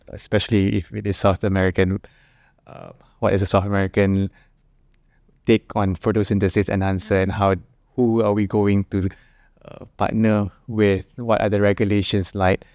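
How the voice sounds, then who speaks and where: Earnest man with a lowish voice. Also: little pitch movement, normal speed, a little mellow, no room sound, studio quality. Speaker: startup founder, guest. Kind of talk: casual panel chat.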